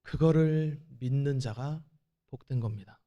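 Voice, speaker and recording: A man's voice: mid-range voice, measured pace, highs cut off. A man preaching a Sunday sermon as pastor, talking straight to the congregation and acting out God's questions with rising force. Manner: conversational, addresses the congregation directly. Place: church.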